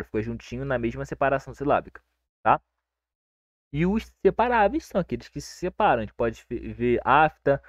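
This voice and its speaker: A young Brazilian man teaching a casual grammar lesson, relaxed and reassuring, checking in with his listeners all the time. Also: mid-range voice, dry recording. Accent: Brazilian Portuguese. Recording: dry, dull lo-fi recording.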